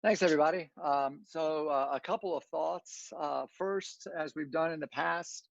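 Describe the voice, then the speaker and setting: A man chairing a virtual public meeting, reading a formal resolution in a flat, even tone. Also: a little high, moderate pace, gravelly, slight background noise. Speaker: commission chairman. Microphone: video call. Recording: dull dry lo-fi video call audio.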